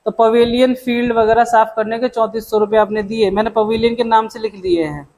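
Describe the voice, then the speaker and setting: A young man with a strikingly high voice teaches an accounting class. He talks in a brisk, chummy way and calls his students "beta" and "dost." speech runs through his English accounting terms. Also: steady tone, darkish tone, poor audio. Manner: mixes English terms into explanations. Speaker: commerce tutor. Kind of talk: classroom lecture.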